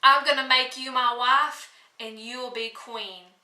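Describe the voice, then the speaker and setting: A greedy, excitable storybook king, read by a woman. He makes boastful promises in a bright, unhurried voice. The recording is echoey and set back from the mic. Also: high-pitched, heavily acted. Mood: eager. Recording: echoey room, mic at a distance.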